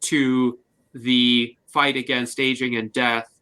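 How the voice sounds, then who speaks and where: Formal, measured male interview host. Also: mid-range voice, flat delivery, pushed and bright, clear, resonant tone. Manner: measured and formal, in long sentences.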